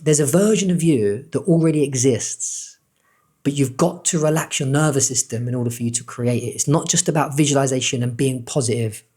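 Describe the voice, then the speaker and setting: A middle-aged man, a life coach, calmly guiding a breathing exercise with repeated, gentle instructions. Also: mid-range voice, fairly quick, slightly rough. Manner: calm, repetitive guiding instructions.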